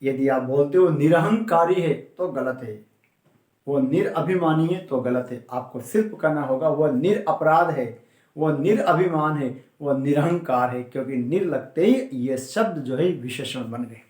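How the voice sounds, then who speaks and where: A man teaching grammar in a room with noticeable echo. His voice sits a bit high, and he stresses words firmly, drawing them out slowly as he repeats them. He keeps putting questions to the class and answering them himself. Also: darkish tone. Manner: emphatic, repeats and drags out key words.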